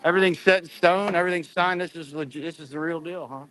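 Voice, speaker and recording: A man chatting casually about sports in a slangy, animated way. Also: on the high side, quick pace, slight background noise, rough recording.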